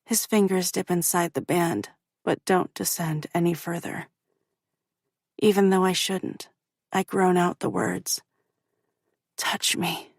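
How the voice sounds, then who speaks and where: A woman reading a first-person romance audiobook in a slow, intimate way. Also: on the low side, fairly even intonation, gravelly, a little mellow, no room sound, clean studio sound. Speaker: audiobook narrator.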